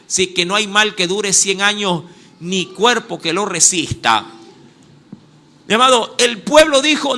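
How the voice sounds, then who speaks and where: A man's voice: high-pitched, sharp tone. A man with an Ecuadorian Spanish accent preaching a sermon emphatically, with repeated direct address to his listeners. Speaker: pastor.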